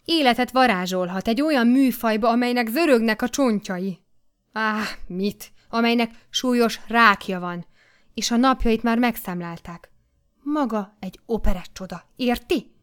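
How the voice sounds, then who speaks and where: A woman reading an audiobook voices an excitable male editor who exclaims emphatically and gushes with praise. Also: on the high side, smooth, close to an everyday voice. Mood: ecstatic. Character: excitable middle-aged male editor, effusive. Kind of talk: audiobook character voice.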